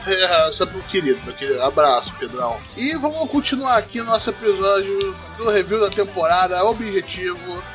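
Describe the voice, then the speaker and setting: A Brazilian man with a raspy smoker's voice hosting a podcast in casual, slangy, teasing banter with some swearing. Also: sits high, lively intonation, moderate pace, hardly any pauses, fairly bright tone, soft background music. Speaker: podcast host.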